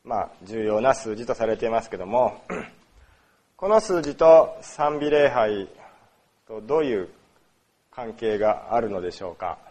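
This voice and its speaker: Chatty Japanese pastor with a lively voice. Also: male voice, lowish voice, unhurried, long pauses. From Osaka, Japan. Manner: conversational, many fillers, asks the congregation questions. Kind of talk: sermon on worship.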